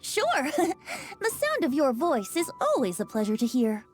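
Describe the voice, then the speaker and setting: A teasing, giggly young wind god. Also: female voice, sits high, wildly swooping pitch, unhurried, full character voice. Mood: playful. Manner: playful, teasing, often laughing. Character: playful wine-loving wind god in youthful bard form. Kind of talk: video game character dialogue. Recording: game audio with faint music.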